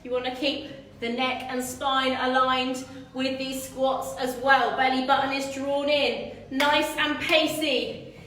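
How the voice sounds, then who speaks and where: Female HIIT instructor, heard at a distance in a reverberant room. Slow, measured delivery of counts and cues, pushing the class on. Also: sits high, little pitch movement, fairly bright tone, slight background noise. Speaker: fitness instructor. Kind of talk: live-streamed HIIT workout coaching. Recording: echoey room, distant microphone.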